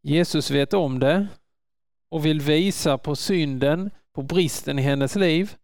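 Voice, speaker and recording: A man preaching a sermon in an earnest manner, rising to loud calls when quoting. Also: fairly high pitch, no room sound, clean studio sound.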